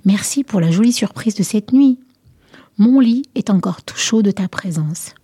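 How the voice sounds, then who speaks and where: A young queen from a storybook myth, tender and bewildered, read by a woman. The voice is warm and breathy, soft and pleading. Close, dry recording. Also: on the high side, big pitch swings, moderate pace, no room sound. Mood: soft loving.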